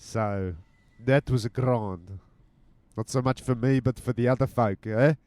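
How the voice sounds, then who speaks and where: Driving along, this man chats loosely on his own podcast and plays at being stern while he teases. His mid-range voice is a little slow and a little mellow, picked up by a handheld mic with headphones and free of room sound.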